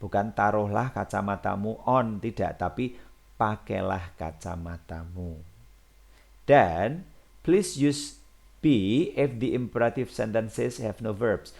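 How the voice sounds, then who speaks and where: Low-voiced man teaching a language lesson. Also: gravelly, a little mellow. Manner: explains in Indonesian, reads English examples slowly with stress. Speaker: English teacher. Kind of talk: recorded classroom lesson explanation.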